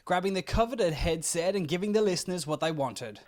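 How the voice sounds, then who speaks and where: A man reads a scripted sports news report. His voice sits a touch high for a man, and his delivery is measured and steady.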